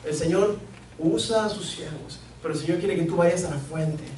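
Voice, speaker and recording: Pastor preaching earnestly in echoey church. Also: male voice, fairly high pitch, normal speed, darkish tone, slight background noise. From Mexico. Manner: earnest, repeats key phrases for emphasis. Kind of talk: sermon. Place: church sanctuary. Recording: echoey church, mic at a distance.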